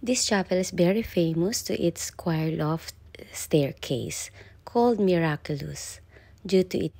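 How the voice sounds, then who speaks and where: Slow, gravelly, low woman narrator. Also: warm tone, dry recording. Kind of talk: scripted narration.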